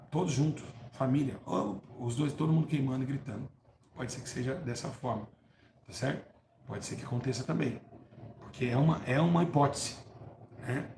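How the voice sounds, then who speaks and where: A man preaches a hellfire sermon on a live stream. He is fervent and repeats his words, asks listeners for agreement and drops from loud stresses to low murmurs. His mid-pitched voice rings in a roomy echo over faint background noise. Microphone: live-stream mic.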